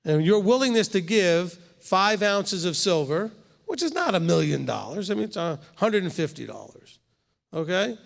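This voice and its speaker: Very animated at a moderate pace, a man in his fifties with a high, creaky voice leads Torah study as a rabbi in a large congregation hall. He speaks conversationally, often asking "okay?"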